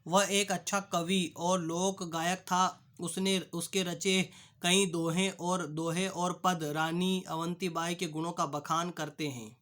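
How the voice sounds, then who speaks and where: A young male teacher goes through textbook questions one by one, stopping and restarting his words as he goes. His voice sits high and sounds bright and forceful. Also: flat delivery. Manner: halting, repeats "ठीक है" and restarts words. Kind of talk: classroom lesson explaining answers.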